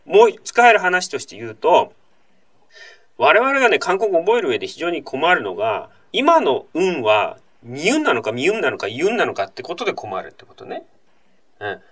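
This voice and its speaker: Man with a lively, wide-ranging voice. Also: a little high, moderate pace, breathy edge. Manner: chatty explainer, fond of tag questions and asides. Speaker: host. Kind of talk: casual radio-style talk answering a listener letter.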